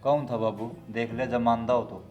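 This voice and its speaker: Man acting a sensible Haryanvi brother, medium pitch. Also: fairly even intonation, moderate pace, a little mellow, close to an everyday voice. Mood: coaxing. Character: sensible married brother coaxing his sibling. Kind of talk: web serial family drama acting.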